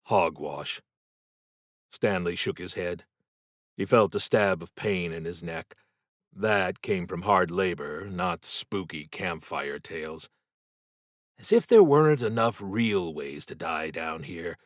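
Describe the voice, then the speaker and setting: In a dry, studio-like recording, an audiobook narrator reads from a horror novel. His fairly low voice moves very slowly, building suspense through measured, dramatic storytelling.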